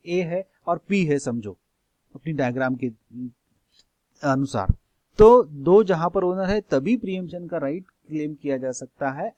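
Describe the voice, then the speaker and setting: A man's voice: on the high side, darkish tone, dry recording, low-quality recording. A man teaching a law lecture, explaining step by step, repeating key terms and mixing in English phrases.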